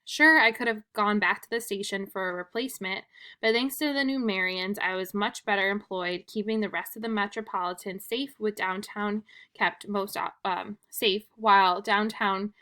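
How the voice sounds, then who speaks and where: A woman's voice: medium pitch, steady tone, normal speed, bright, forceful tone. A woman teacher reading a witness statement aloud to her class, plainly and evenly, with occasional restarts.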